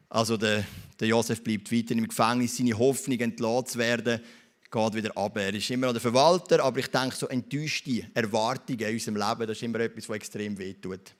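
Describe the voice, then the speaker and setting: A man with a Swiss German accent preaches a sermon in a fairly low, steady voice. He retells a story and keeps turning to address his listeners directly with quick tag questions.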